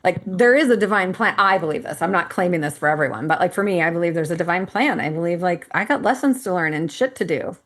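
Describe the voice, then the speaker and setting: A woman in her fifties co-hosts a podcast, talking candidly and animatedly with frequent laughs and casual swearing. Her fairly low voice is a bit bright and expressive, and she speaks fast with few pauses in this casual conversation.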